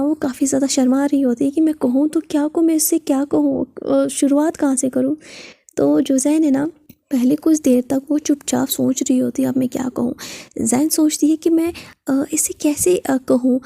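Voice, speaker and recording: Chatty woman storyteller, high gravelly voice. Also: mellow, dry recording, clean studio sound. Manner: chatty, with frequent fillers and restarts. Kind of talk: casual story narration.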